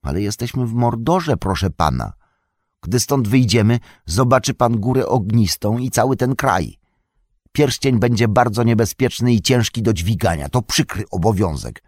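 A man's voice: on the low side, lively intonation, moderate pace, a little mellow, no echo, clean studio sound, voice pushed up. A man voicing a loyal, sturdy male hobbit servant who speaks in a hearty, folksy, deferential way. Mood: earnest.

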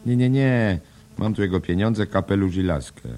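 A man's voice: on the low side, normal speed, warm tone, voice pushed up, close to an everyday voice. A man doing a kindly worried older friend. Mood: concerned.

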